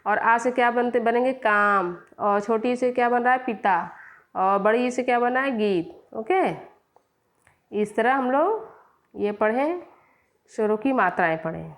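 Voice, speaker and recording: Higher-voiced woman teaching grammar. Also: a little slow. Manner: explains step by step, quizzing and answering herself. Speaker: Hindi teacher. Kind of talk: classroom grammar lesson.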